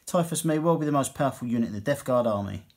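A man casually reviews a hobby magazine in a mid-range, slightly mellow voice, speaking very fast and with animation. He reads passages aloud, then comments on them with dry asides in a chatty manner.

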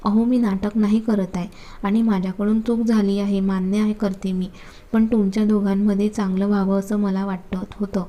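A woman's voice: medium pitch, flat delivery, moderate pace, warm tone, natural voice. A woman voicing an innocent young wife who pleads affectionately with her husband in a storybook reading. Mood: pleading.

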